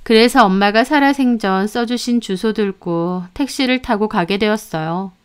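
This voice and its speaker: Clear-voiced woman narrating a story. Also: medium pitch, normal speed. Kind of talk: first-person story narration.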